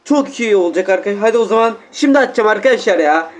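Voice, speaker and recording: High-voiced excited male game commentator. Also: rapid-fire, slight background noise. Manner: animated, exclaiming, keeps addressing viewers as friends. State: sore throat, coughing. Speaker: gaming YouTuber. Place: at home.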